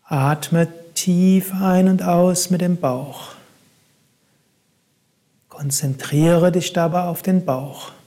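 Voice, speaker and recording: A man guiding a meditation in a calm, soft-spoken way, with long pauses between instructions. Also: high-pitched. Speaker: meditation guide.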